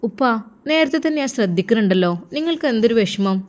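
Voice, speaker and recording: A woman's voice: lively intonation, quick pace, a little mellow, lightly acted. An anxious, devout young woman voiced by the narrator herself pleads in a lifted voice. She speaks in a storybook reading. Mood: pleading. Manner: pleading, higher voice.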